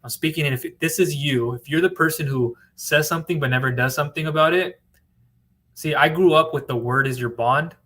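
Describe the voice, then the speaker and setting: A man's voice: on the high side, brisk, sharp tone. A man from California hosting a casual livestream, talking confidently in a rambling, repetitive way as he answers viewers. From Orange County, California. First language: bilingual in English and Spanish. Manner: confident, rambling, repeats himself. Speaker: business funding broker hosting a livestream.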